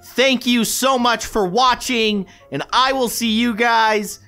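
A young man giving casual, excitable commentary while playing a video game. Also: very high voice, faint music behind. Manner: excitable, chatty, quick reactions. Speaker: gaming YouTuber. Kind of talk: casual let's-play commentary.

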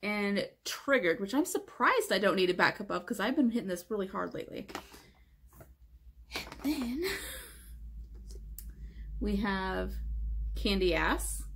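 A young woman vlogging casually about her makeup collection, chatty, with many "like" fillers and soft whispered asides. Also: mid-range voice, expressive, a little slow, pauses often, a little hiss or hum. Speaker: beauty vlogger.

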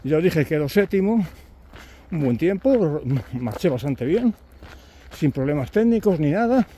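A man's voice: fairly high pitch, sing-song, unhurried, dark tone, slight background noise. A man, telling chatty anecdotes on camera while walking a rural trail, chuckling and acting out his companions' lines. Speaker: pilgrim vlogger.

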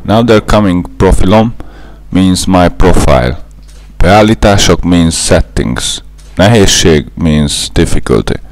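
A careful, methodical gameplay tutorial is narrated from a script by a young man, a native Hungarian speaker with a Hungarian accent. His low-pitched voice is expressive and unhurried.

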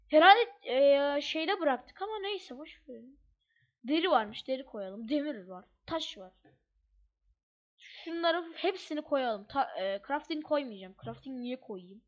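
High-voiced chatty gamer woman. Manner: chatty, thinks aloud, slangy asides. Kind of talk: casual gameplay commentary. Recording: dull lo-fi mic.

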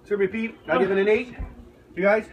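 A man's voice: high voice, fairly even intonation, fairly quick, highs cut off. A middle-aged man, chatting casually to camera as host of a homemade challenge video. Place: home kitchen. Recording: noisy handheld home video.

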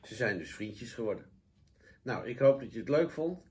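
Calm man reading a children's story. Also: medium pitch, moderate pace. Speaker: care worker reading aloud.

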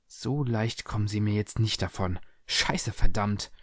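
A man voicing a frightened teenage daughter who talks high, excited and breathless, in a spoken storybook reading. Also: unhurried, no echo, studio quality. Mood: upset.

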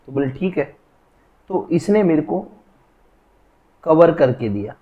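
A man's voice: on the high side, expressive, slow, muffled recording. A young man teaching law in a casual classroom lecture, explaining through chatty, jokey stories.

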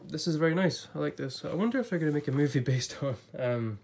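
Fast-talking and expressive, this YouTuber has a fairly high, slightly mellow voice that's still a little off after an illness. He flips through an illustrated book at a table before a blue backdrop, chatting casually and thinking out loud as he reviews it.

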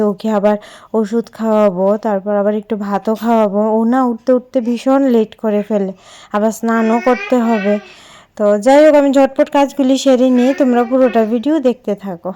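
A woman's voice: a little high, mellow. A young mother from West Bengal, narrating her day at home in a casual, homely vlog voice-over. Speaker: vlogger, mother.

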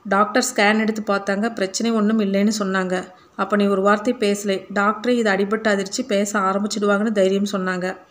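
In an audiobook reading, a woman narrator voices an earnest, troubled father who pleads in quick, long runs of speech. His pitch stays flat, and the voice sounds natural.

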